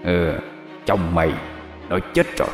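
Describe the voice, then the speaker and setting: A man's voice: sits low, moderate pace, faint music behind, lightly acted. A man voicing a vengeful dog spirit that has possessed an old husband, hissing threats. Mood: menacing. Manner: menacing, hissing threats through teeth.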